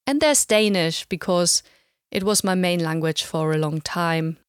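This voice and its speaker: A language learner whose first language is German calmly explains language levels in a reflective podcast monologue, slowing down to spell out terms. Her voice sits on the low side with a clean tone, recorded with clean studio sound and no room sound.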